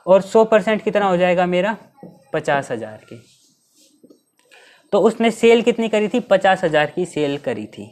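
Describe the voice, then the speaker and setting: Here the math teacher's voice is high and a little mellow as he works through an exam-prep lesson step by step. Rhetorical questions go out to the class, and he reads the English questions slowly in a blend of Hindi and English.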